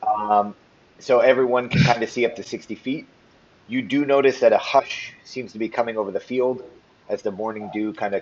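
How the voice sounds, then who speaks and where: A man narrating as game master for a tabletop game, relaxed with frequent ums. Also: medium pitch. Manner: casual, lots of ums and restarts. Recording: slightly muffled with faint noise.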